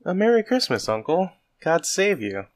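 A man voicing a cheerful, eager young nephew who pleads warmly, in a storybook reading. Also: mid-range voice, huge pitch swings, unhurried, pitched above the performer's own voice, heavily acted. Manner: bright, eager, raised voice.

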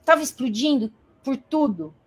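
Lively Paulista woman telling her story. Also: high-pitched, normal speed, slightly rough. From Brazil. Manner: animated, colloquial, acts out quoted voices. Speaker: interview guest. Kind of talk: casual personal storytelling.

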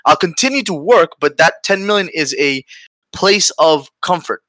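A man with an Aruban accent hosting a casual conversation, often halting to search for words and leaning on "you know". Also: a little high, lively intonation, sharp tone, no echo. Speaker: podcast host.

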